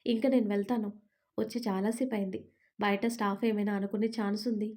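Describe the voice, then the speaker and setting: A woman voicing a strict, sharp-tongued young woman office lead in a storybook reading. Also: medium pitch, steady tone, a little fast, natural voice. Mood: gentle. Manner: stern scolding.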